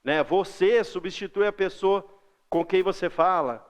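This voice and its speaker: High-voiced Brazilian man teaching grammar. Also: unhurried. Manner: explains patiently, with everyday examples and rhetorical questions. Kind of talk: classroom grammar lesson for children.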